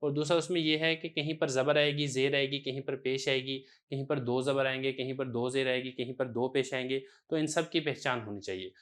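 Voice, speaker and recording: A man teaching Quran reading step by step, explaining patiently and drawing out syllables slowly as he recites. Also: medium pitch, fairly even intonation, fairly bright tone. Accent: Pakistani Urdu.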